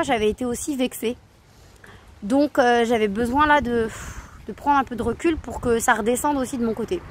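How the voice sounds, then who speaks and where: A woman's voice: on the high side, a little hiss or hum. A woman in her thirties, a parenting coach, talking in a casual vlog with many hesitations and restarts, outdoors at night.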